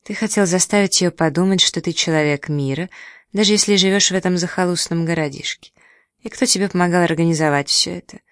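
A reader voicing a sharp-tongued young woman who snorts and teases, in a storybook reading. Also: on the low side, fast, no echo, studio quality, natural voice. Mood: teasing. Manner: mocking, teasing.

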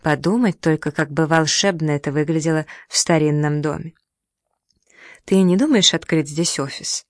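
An audiobook reader voicing a proud, sharp-tongued young woman who speaks with sarcasm and indignation. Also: deep voice, normal speed, no room sound, studio quality, close to an everyday voice. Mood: sarcastic. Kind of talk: audiobook dialogue.

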